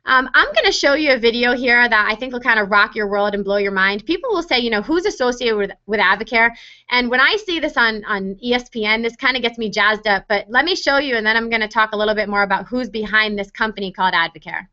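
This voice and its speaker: A woman's voice: a little high, fast talker, bright, forceful tone. A woman giving a chatty, upbeat online sales presentation, with frequent fillers. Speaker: webinar presenter. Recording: dull lo-fi webinar audio.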